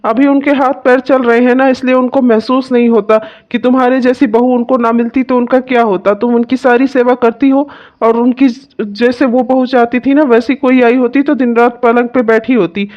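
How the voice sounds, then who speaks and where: A voice actor playing a kind young husband in a cartoon who gently comforts his wife. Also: medium pitch, flat delivery, moderate pace, muffled recording, lightly acted. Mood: reassuring. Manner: gentle, coaxing, reassuring. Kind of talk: cartoon voice acting.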